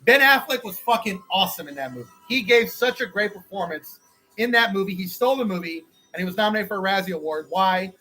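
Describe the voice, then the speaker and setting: A man co-hosting a casual chat podcast, giving blunt, profane opinions with animated energy. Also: high-pitched, fast, soft background music, poor audio. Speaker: podcast co-host.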